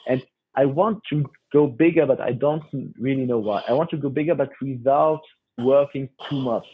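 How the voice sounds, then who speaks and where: Husky young man on a tinny line. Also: medium pitch. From France. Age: 20s. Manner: hesitant, halting with many restarts. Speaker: guest. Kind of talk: casual interview chat.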